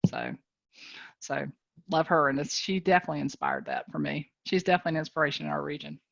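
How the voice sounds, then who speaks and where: A woman business leader, speaking as a guest on a video call, gives a casual motivational chat in a warm North Carolina Southern drawl. Her voice is low, creaky and fast, with no room sound and a dry, slightly dull quality. She is folksy and animated, laughing easily as she encourages listeners.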